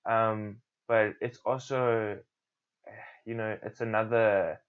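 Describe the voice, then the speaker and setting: A man's voice: on the low side, fairly even intonation, slow pace, clear, resonant tone. A young man, a musician guest on a podcast, chatting casually in a laid-back, rambling way. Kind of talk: casual chat. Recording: dull lo-fi sound.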